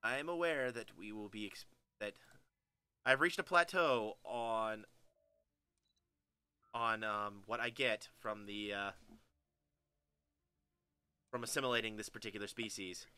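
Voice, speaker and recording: A man giving casual, excitable commentary while playing a strategy game, often trailing off mid-sentence. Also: lowish voice, normal speed, pauses often, clear, resonant tone, dry recording. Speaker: gameplay commentator.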